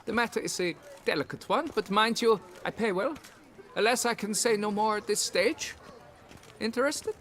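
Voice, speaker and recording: Fussy pompous exhibition keeper from a game, really high voice, theatrical, bit of background noise. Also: male voice, moderate pace, a bit bright. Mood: exasperated, eager. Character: pompous, exasperated exhibition keeper, florid and self-important. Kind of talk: video game voice acting.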